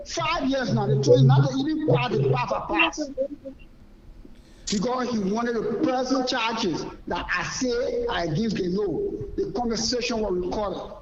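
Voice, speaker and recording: Preaching caller on a muffled line. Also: male voice, extremely high pitch, reverberant. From Liberia. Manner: preaching, emphatic and repetitive. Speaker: pastor caller. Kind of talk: phoned-in talk show call.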